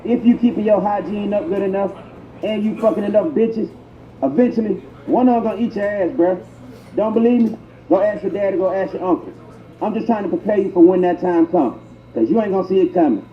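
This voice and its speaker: A fairly quick man whose voice sits high acts as a prank tutorial narrator, offering crude mock lessons packed with swearing and slang. The sound is muffled and echoey, played over a noisy intercom among transit background noise.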